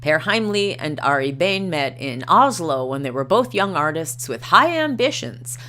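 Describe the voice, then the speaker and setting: Sitting low in pitch with a sharp tone, this livestream host is very animated and speaks at a normal pace. She chats casually, reads articles and quotes aloud, and hesitates with lots of ums and uhs. She is not a native Norwegian speaker, and there's a faint hiss or hum.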